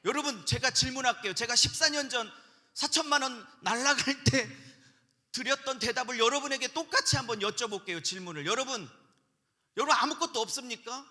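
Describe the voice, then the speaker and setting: A man's voice: extremely high pitch, a little fast, bright, forceful tone, big-room sound. A man preaching a sermon-style lecture at a pastors' seminar in a large church, leading call-and-response with the congregation on a handheld microphone.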